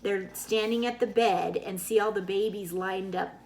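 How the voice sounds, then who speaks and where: A woman reads a children's book aloud in the expressive, unhurried manner of a teacher talking to small children. Her mid-range, darkish voice keeps a fairly even intonation at a normal speed. Faint background noise and a roomy echo can be heard.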